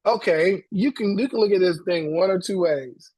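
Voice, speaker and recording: A man hosting a coaching call, giving motivational talk in a halting way, repeating words and getting choked up. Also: high-pitched, darkish tone, husky, no echo.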